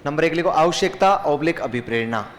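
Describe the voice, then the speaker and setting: A man teaching a class, who dictates points slowly, repeats them, and chats and jokes with the students. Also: on the high side, lively intonation, a little hiss or hum.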